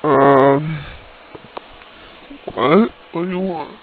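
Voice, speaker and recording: A woman voicing a bored adult friend who answers in terse, flat replies. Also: low-pitched, very slow, voice pushed down. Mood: curt. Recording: dull lo-fi sound with clear noise.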